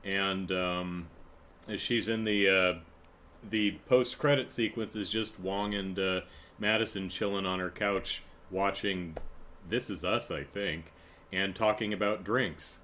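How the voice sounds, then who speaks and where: A man's voice: low voice, steady tone, slow, a bit bright, a little hiss or hum. A man casually recapping a TV episode, rambling with many fillers and chuckling asides. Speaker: TV episode reviewer.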